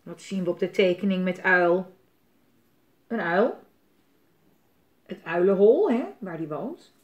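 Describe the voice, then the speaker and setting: A woman's voice: lowish voice, expressive, slow pace. A woman reading a picture book aloud to children, chatting about the pictures between passages. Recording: roomy echo.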